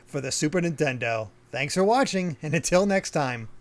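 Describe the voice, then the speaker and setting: A man's voice: fairly high pitch, animated, moderate pace, slight background noise. A man hosting a casual gaming podcast, chatty and upbeat, laughing often. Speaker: podcast host.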